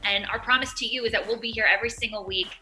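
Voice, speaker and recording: A woman's voice: fairly high pitch, fairly even intonation, very fast, sharp tone, soft background music, rough recording. A woman co-hosting an entertainment show, chatting in a playful, gossipy way. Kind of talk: casual entertainment chat.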